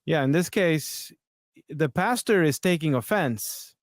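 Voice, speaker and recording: A man's voice: on the high side, animated, a little slow, no room sound, clean studio sound. A man hosting a podcast, talking casually and a bit hesitantly as he comments on video clips. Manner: conversational, hesitant, with restarts. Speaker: podcast host.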